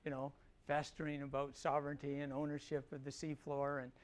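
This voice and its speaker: A man's voice: on the high side, monotone, brisk. An older man from Canada giving a public lecture, telling wry field anecdotes with frequent self-corrections.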